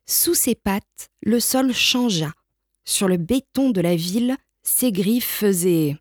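Female narrator for a children's picture book, gentle and unhurried, mid pitch, dry close mic. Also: no room sound. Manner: slow, gentle, expressive reading. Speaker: storyteller. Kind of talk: children's storybook read-aloud.

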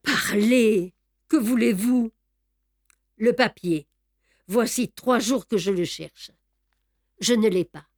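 A woman reading the lines of a young male amateur detective who reasons aloud in a measured way. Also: a little high, a little mellow, no echo, clean studio sound. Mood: tense.

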